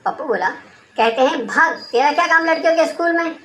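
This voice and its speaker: A woman reading a string of short jokes aloud in plain, even storytelling, hardly changing her voice for the characters. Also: sits high, brisk. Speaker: joke reader. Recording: roomy echo with faint room noise.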